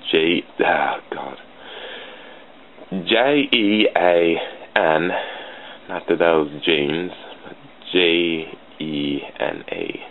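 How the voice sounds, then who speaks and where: This British channel host has a rumbling low voice with vocal fry, and he mutters rambling, self-deprecating remarks to himself as he draws sprites on a computer. A cheap computer mic at his home desk makes the audio tinny and lo-fi like a phone, with faint hiss.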